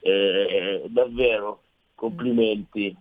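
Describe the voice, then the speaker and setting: A man in his thirties, a guest athlete, talking eagerly but haltingly by phone. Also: lowish voice, steady tone. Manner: enthusiastic, halting. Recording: tinny phone line.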